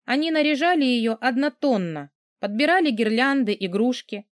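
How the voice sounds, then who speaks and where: A woman voicing a cheeky young woman in an audiobook, pert and lively, sometimes wistful. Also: on the high side, moderate pace, dry recording, studio quality, natural voice. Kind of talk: audiobook character reading.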